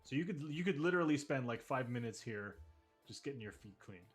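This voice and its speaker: A man with an average-pitched voice narrates a tabletop game as game master. He improvises casually, rambling and pausing as he goes. Soft music sits in the background. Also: lively intonation, husky. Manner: halting, rambling.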